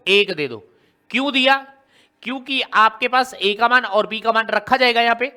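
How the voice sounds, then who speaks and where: A man's voice: very high-pitched, normal speed, bright, forceful tone. A man teaching a maths lesson, working through a problem step by step and asking his students question after question. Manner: explains step by step, often quizzing students with rhetorical questions.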